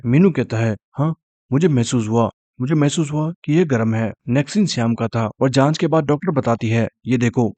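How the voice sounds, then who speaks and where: Male storyteller, slightly high voice, dry close mic, casually acts out characters' lines. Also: a little mellow, no room sound. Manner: briefly voices each character's lines within the telling. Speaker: storyteller recapping an animated series. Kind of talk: casual Hindi narration with English words.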